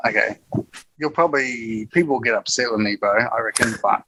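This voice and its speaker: A man's voice: mid-range voice, fairly quick, background noise. A man with a broad New Zealand accent chatting casually and telling stories in slangy, sweary, matey language. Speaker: podcast guest. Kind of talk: casual chat, storytelling.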